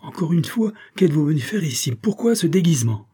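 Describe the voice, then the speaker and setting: A man voicing a furious, quick-tempered middle-aged gentleman who shouts and seethes in a storybook reading. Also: a little high, sing-song, breathy edge, pitched above the performer's own voice.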